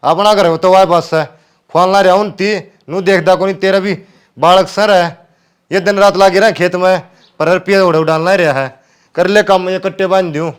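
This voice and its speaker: An actor playing a grown village son who speaks in a worried, pleading way with a Haryanvi accent. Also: male voice, high-pitched, fairly even intonation, normal speed, clear, resonant tone, lightly acted.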